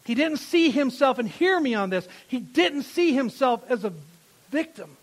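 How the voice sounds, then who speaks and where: High-voiced preaching man, emphatic. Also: lively intonation, moderate pace. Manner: emphatic, repeats phrases, rises and drops in volume. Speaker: pastor. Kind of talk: sermon.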